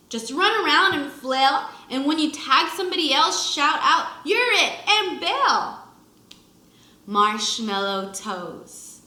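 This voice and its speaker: Acting out the lines with a bright, forceful, high voice, a woman who teaches first grade reads a children's book aloud to young students and slips in short explanations. Her voice echoes noticeably in the room.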